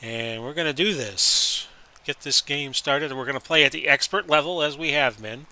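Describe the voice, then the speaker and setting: A man hosting a stream and giving play-by-play commentary over a sports simulation game. He talks like an announcer and breaks into excited outbursts on big plays. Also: mid-range voice, moderate pace. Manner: announcer-style calls that rise into excited outbursts. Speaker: streamer and host.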